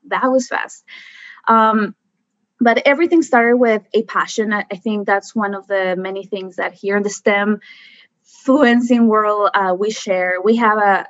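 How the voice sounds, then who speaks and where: A woman, a guest telling her story in lively, chatty talk full of fillers. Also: mid-range voice, no room sound, muffled recording. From Mexico. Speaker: guest, environmental scientist. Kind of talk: casual conversation.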